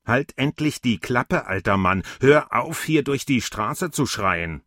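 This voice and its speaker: A man's voice: mid-range voice, lively intonation, takes it slowly, no room sound, clean studio sound. A man doing a snapping young man. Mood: angry. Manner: sharp, snapping. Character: young man, curt and hostile.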